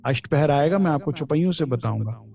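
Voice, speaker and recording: A man's voice: fairly high pitch, lively intonation, fairly quick, vocal fry, warm tone. A man giving a devotional discourse, quoting verses and explaining them with frequent chuckles. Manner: explains scripture, quotes verses, chuckles often. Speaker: spiritual speaker.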